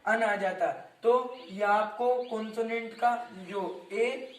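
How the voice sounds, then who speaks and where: A high-voiced young man explains grammar to his students, repeating words and quizzing them as he goes. He stands back from the mic, so his voice carries a roomy echo with faint background noise. He often stops to correct his own slips. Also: steady tone, slow pace, recorded from a distance. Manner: frequent self-corrections. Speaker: teacher. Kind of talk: grammar lesson explained in Hindi.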